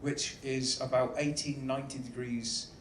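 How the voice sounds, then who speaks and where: This man's mid-range voice moves little in pitch and keeps a normal pace as he delivers a jokey welcome, in the role of a cheerful cruise director addressing a live crowd. The sound comes through a stage mic inside a big ship venue full of people, with roomy echo and a faint hum of background noise.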